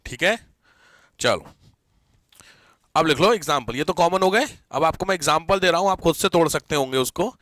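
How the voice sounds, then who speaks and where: A man's voice: a little high, moderate pace, long pauses, no echo, clean studio sound. A man teaching a live grammar class, quizzing and teasing his students as he goes. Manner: lively, teasing, questions students often.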